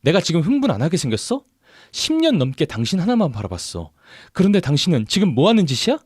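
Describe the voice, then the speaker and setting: A man's voice: very animated, fairly quick, dry recording, clean studio sound. A man voicing a furious betrayed wife who hurls accusations in a radio drama. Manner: shouting, high-pitched outbursts.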